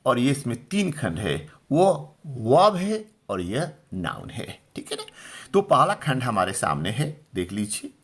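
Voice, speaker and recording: A middle-aged man from India gives a pronunciation lesson, speaking slowly and repeating each word. His voice is slightly husky, and his pitch rises and falls a lot as he checks whether his students have understood. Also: big pitch swings, fairly bright tone. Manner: slow, patient, repeats words and asks if clear. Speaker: English teacher. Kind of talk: Hindi-language pronunciation lesson.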